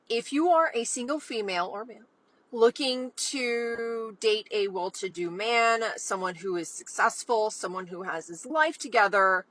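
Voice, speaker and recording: A woman with a bright, crisp-edged voice at an average pitch delivers an advice monologue. She sounds confident and measured as she explains each point. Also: low-quality recording.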